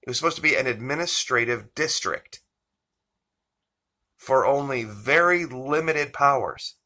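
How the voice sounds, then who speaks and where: A man hosting a political commentary channel, talking slowly and emphatically as he introduces a clip. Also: mid-range voice, bright, forceful tone. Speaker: channel host.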